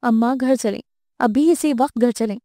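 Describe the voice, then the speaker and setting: Bitter young wife, voiced by the woman reader; mellow, dry, slightly high voice. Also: no echo, natural voice. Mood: pleading. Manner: cold, cutting. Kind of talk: audiobook character voice.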